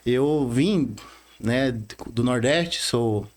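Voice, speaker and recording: A man in his thirties with a Rondônia Brazilian accent, a bank manager chatting as a podcast guest, earnest and halting, tagging lines with "né?". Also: medium pitch. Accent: Rondônia Brazilian Portuguese. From Bahia, Brazil, raised in Rondônia. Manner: earnest, frequent "né?" tags, halting restarts. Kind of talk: casual interview talk.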